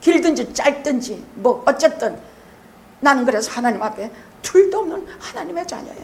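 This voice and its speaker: A woman preaching a sermon as pastor, blunt and teasing, swinging from quiet asides to loud shouted emphasis. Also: sits high, sing-song, normal speed, gravelly. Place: church sanctuary.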